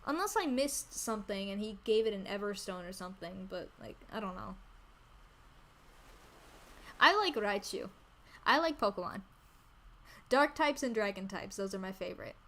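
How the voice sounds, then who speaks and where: A woman chatting casually on a livestream in a cute anime-streamer manner, gushing and excitable, repeating phrases for emphasis. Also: medium pitch, normal speed, long pauses. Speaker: VTuber streamer introducing themself. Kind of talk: casual livestream chat about games.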